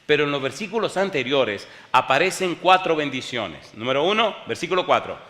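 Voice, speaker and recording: A male pastor preaching a sermon, firing rhetorical questions at the congregation and reading scripture slowly and drawn out. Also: fairly high pitch, very animated, fairly bright tone. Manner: rhetorical call-and-response questions. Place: church hall with a congregation. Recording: long hall reverb.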